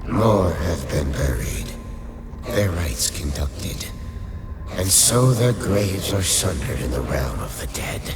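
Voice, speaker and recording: Imperious undead lich, dark fantasy audio story: very low, swooping delivery, deliberate. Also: male voice, very animated, exaggerated voice. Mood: grave. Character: commanding undead male lich speaking inside a mind. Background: music.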